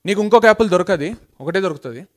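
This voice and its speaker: Fast, emphatic man. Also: sits high, lively intonation. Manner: emphatic, repeats phrases, mixes in English. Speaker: motivational speaker. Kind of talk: motivational storytelling.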